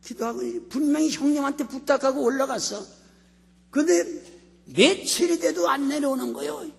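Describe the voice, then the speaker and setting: A man preaching a sermon as senior pastor in a church, animated and often asking the congregation to respond. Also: extremely high pitch, moderate pace, creaky. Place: church sanctuary. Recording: long hall reverb.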